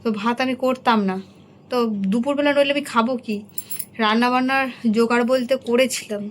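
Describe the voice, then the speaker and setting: A woman chatting to her viewers in a rambling home vlog, her voice hoarse from a cold. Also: a little high, slight background noise. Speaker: home vlogger.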